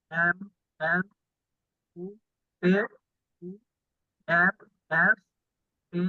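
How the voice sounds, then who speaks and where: A male student in a live online class, slowly reading out letters one at a time through a faulty headset microphone. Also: high-pitched, no room sound. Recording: tinny dry phone-like line.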